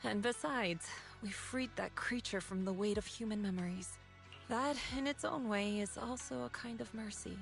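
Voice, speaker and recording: Actress, composed female master, resolute, medium pitch, game drama, faint music behind. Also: moderate pace, vocal fry, close to an everyday voice. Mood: reflective. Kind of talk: anime-style game voice acting.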